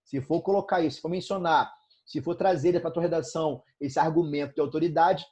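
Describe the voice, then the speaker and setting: A man with a Brazilian Portuguese accent teaching a live online grammar review, energetic and checking in constantly with his students. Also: fairly high pitch, fairly quick.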